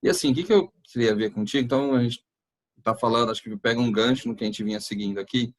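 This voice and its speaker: A man's voice: mid-range voice, fast talker. A man hosting an interview, asking long questions and thinking aloud with many restarts and "acho que". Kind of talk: conversational interview.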